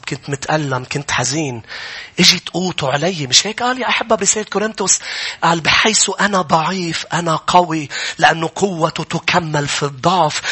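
A man with a Levantine Arabic accent preaches a sermon to a congregation, exhorting them emphatically, repeating key phrases and putting questions to them. His voice is a little high, bright, forceful and husky.

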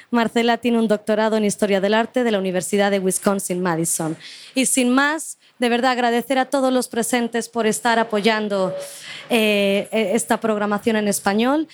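A woman with a fairly high voice opens a live panel at an art fair. She reads a formal introduction of the guests and their titles. Now and then she stumbles over a name or a word. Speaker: host and fair curatorial director.

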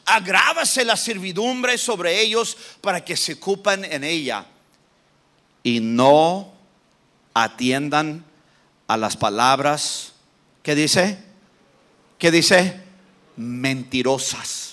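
High, bright-voiced preacher man. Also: animated, slow, long pauses. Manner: switches between Spanish and English, shouts for emphasis, mimics voices. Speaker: pastor. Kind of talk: sermon.

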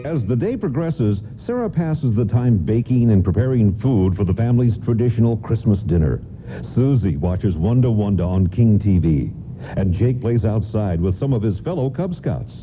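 Male narrator, scripted radio storytelling, very varied pitch, narrow vintage-radio band, faint noise. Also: lively intonation, normal speed.

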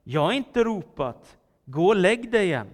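A man reading the part of an old, blind, patient high priest with a gentle, fatherly manner, in a Bible reading. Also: big pitch swings, long reverb tail.

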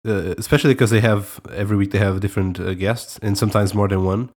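A young Portuguese man with a Portuguese accent co-hosts a casual podcast, speaking fast in a lowish voice. He's relaxed and hesitant, laughing often as the chat rambles along.

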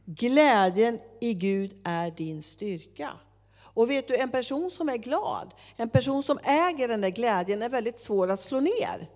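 A woman preaching a sermon, telling a story with lively acted-out dialogue. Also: on the high side. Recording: long hall reverb.

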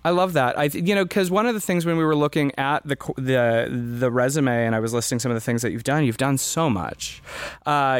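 Male interview host, mid-pitched, eager and encouraging, dry close sound. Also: smooth, no room sound. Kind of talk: interview questions.

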